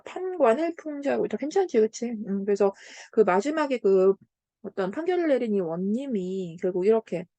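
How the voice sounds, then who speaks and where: A woman's voice: a little high, no room sound. A woman tutoring Korean literature, walking through exam answers in a chatty way and checking in with her students as she goes. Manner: chatty, checks in with "right?" and "got it?"; retells story lines in a lively voice.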